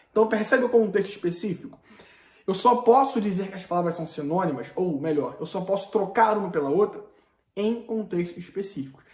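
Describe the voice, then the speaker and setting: A man's voice: high-pitched, a little mellow, echoey room. A Brazilian man teaching a Portuguese lesson in a conversational, explanatory way, with casual slang and rhetorical questions. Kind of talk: online lesson lecture.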